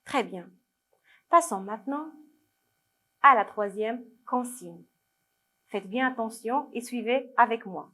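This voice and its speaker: A woman's voice: fairly high pitch, lively intonation, slow, pauses often, bright, forceful tone. A woman with a Moroccan accent teaching French to young children in a video lesson, patient and repeating each word for her pupils. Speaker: primary school French teacher.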